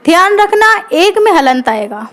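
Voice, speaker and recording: A woman's voice: very high-pitched, big pitch swings, normal speed, a bit bright. A woman teaching grammar in a coaching-class lesson, patient and repetitive, often checking in with her students. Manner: patient, repeats points, checks in with "theek hai". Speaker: Hindi teacher.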